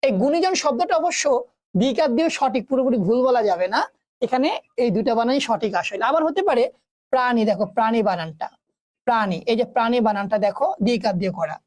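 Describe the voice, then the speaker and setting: Brisk female teacher with a raised voice, quizzing the class and stressing each rule. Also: fairly high pitch, animated, darkish tone. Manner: asks students questions and answers them herself; emphatic, repeats key words. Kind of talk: online grammar lesson.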